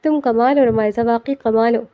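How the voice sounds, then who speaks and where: A woman's voice: a little high, fairly even intonation, warm tone, no echo, studio quality, natural voice. A woman voicing a tender young husband, once stern, in an audiobook novel. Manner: tender and affectionate.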